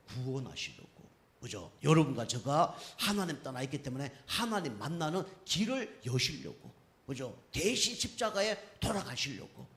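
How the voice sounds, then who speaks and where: Animated Korean pastor preaching a sermon. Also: male voice, mid-range voice. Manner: frequent rhetorical tag questions to the congregation; emphatic, rising on key phrases.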